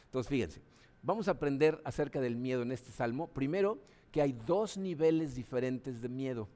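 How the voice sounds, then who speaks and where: A man's voice: moderate pace, mellow. A man, a Mexican pastor, preaching a sermon in a conversational way, often tagging his sentences with a questioning "no?". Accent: Mexican Spanish. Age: adult, father of children. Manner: conversational preaching, frequent "¿no?" tags; acts out voices with sudden high pitch jumps.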